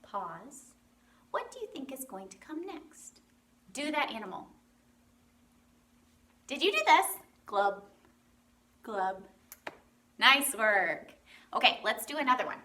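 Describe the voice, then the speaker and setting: A woman teaching a children's lesson, playful and animated, acting out animal sounds. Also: high-pitched, a little slow, long pauses, a little hiss or hum. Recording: roomy, from a distance.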